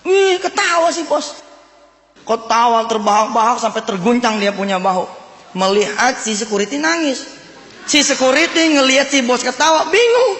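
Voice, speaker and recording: A high-voiced man delivers an animated storytelling sermon. His voice rings through a large hall with a long echo. A faint hum of noise sits underneath. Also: moderate pace. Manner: animated storytelling, voicing characters, drops to low tones. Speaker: preacher.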